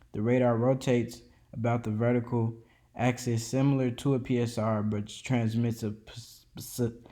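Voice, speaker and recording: A student presenter reads an educational presentation aloud from a script in a mellow, mid-range voice. He reads steadily, with occasional small slips and restarts.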